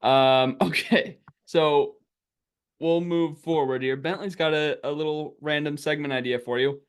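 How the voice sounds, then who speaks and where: A man's voice: fairly high pitch, fairly even intonation, measured pace, smooth. A man hosting a podcast in casual chat, playful while moving the show along. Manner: playful, steering the talk. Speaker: podcast host.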